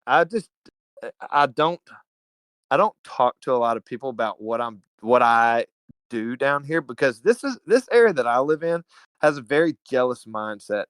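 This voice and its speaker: A man from Alabama with a Southern US accent, telling stories as a podcast guest in an animated, slangy, profane way. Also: mid-range voice, smooth, dry recording. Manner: animated, slangy and profane, calls everyone dude. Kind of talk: casual storytelling chat.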